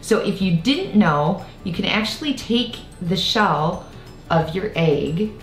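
In her Iowa kitchen, a woman in her thirties chats her way through a home baking tutorial, wandering into asides as she works. Her voice is lowish, expressive, and slow. A tripod camera across the roomy kitchen picks her up from afar, with faint music playing.

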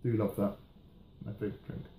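A British man in his thirties chatting casually and haltingly in a relaxed, rambling review, often trailing off. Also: on the low side, creaky. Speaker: pipe tobacco reviewer. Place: indoors, small room at home. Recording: roomy echo, faint background noise.

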